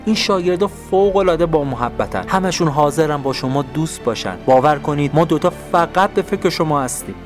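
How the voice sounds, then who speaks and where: A man's voice: on the high side, few pauses, faint music behind, natural voice. A man voicing Despair, a scheming male general who coaxes his enemies with falsely caring promises, in a narrated audio story. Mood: coaxing. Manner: coaxing, falsely caring persuasion.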